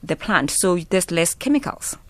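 A South African woman with a fairly low voice gives advice as a radio guest. She is plain-spoken and conversational, explaining with everyday examples on a close, dry studio microphone. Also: very animated, normal speed, dry recording.

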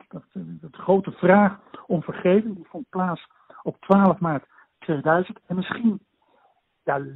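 A man on a poor-quality remote connection explains events at length in an interview, halting often with fillers and restarts. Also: husky, no echo. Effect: low-quality remote connection with poor sound. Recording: tinny, dry phone-like line.

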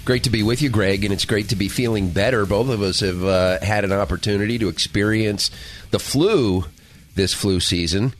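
A man co-hosting a talk radio show, chatting casually and pausing often on fillers, just over the flu. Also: fairly low pitch, faint music behind. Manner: conversational, frequent fillers and restarts. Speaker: radio co-host.

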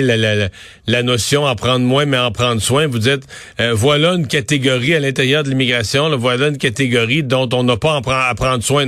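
A man's voice: medium pitch, a bit bright, dry recording, clean studio sound. A man with a Quebec French accent interviewing in an unscripted way, hesitating and repeating words as he forms his questions. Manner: hesitant, halting, often repeats words while forming questions. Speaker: radio interviewer.

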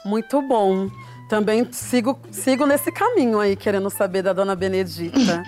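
A woman's voice: mid-range voice, normal speed, a little mellow, soft background music. A woman hosting a casual panel, affectionate and chatty with her guests. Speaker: host. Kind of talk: casual show chat.

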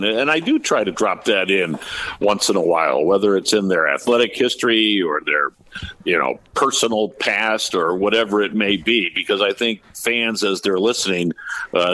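A basketball radio play-by-play broadcaster in his fifties appears as a guest on a conversational podcast, explaining his work in detail. His low voice is bright and forceful.

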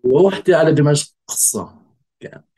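A man with a Levantine Arabic accent telling a personal story in conversation, in a reflective, halting way with pauses and trailing phrases. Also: on the high side, animated, warm tone, soft background music. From Golan Heights. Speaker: interview guest.

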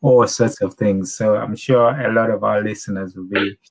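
A male host leads an interview, asking questions in a rambling, hesitant way with many ums and uhs. His voice sits fairly low for a man. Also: steady tone, normal speed, creaky. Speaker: podcast host.

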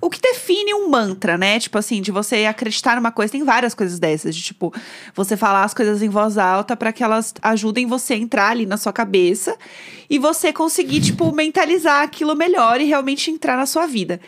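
A woman's voice: fairly high pitch, animated, brisk. A woman co-hosting a podcast from a home studio, chatty and enthusiastic as she gives listeners advice. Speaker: podcast co-host. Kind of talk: casual chat.

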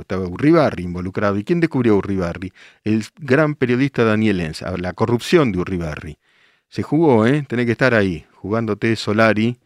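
A man's voice: on the low side, no echo, studio quality. An older man with an Argentine accent hosting a radio show, reading listener messages and answering them with emphatic rhetorical questions. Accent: Argentine Spanish. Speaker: radio host.

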